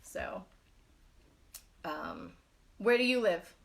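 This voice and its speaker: A woman's voice: mid-range voice, huge pitch swings, drawn-out words, vocal fry. Blunt, foul-mouthed New woman. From Brooklyn, New York. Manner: blunt and profane, rambling with many fillers. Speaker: knitting live-stream host. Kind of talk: casual live-stream chat.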